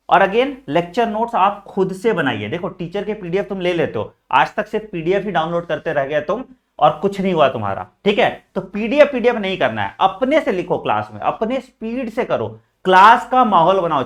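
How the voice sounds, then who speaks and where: A man coaching exam students in a casual lesson, talking directly and checking in often, mixing in English phrases. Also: high voice. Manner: frequent "theek hai" check-ins, addresses students as beta.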